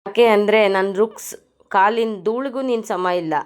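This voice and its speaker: A woman's voice: medium pitch, normal speed, clear, resonant tone, close to an everyday voice. A woman voicing a furious young man, harsh and accusing. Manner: harsh, accusing, shouting insults.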